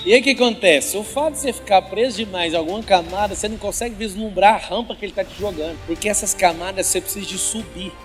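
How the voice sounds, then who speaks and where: A man's voice: sits high, quick pace, few pauses. A man giving a live motivational talk with religious teaching at an event, teasing and quizzing the audience directly. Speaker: motivational speaker. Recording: reverberant event hall with faint music.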